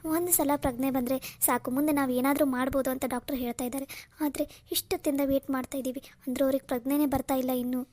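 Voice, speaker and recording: A woman's voice: sits high, steady tone, quick pace, mellow, no echo. A woman voicing a distraught young woman in a cartoon, pleading and tearful. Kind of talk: Kannada cartoon voice acting.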